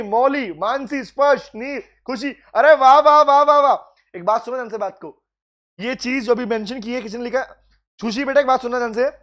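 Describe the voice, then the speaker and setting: High-voiced man teaching law. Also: lo-fi sound. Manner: calls out students by name, urges quick replies; mixes English legal phrases into talk. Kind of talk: live online class lecture. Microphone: video call.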